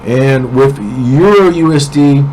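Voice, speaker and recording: A man's voice: medium pitch, slow, a little mellow, a little hiss or hum, rough recording. A man with a cold and a congested voice, giving his weekly forex predictions in a casual way and often checking in with the listener. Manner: casual, keeps checking in with "okay?". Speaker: forex trading analyst. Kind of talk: weekly market prediction talk.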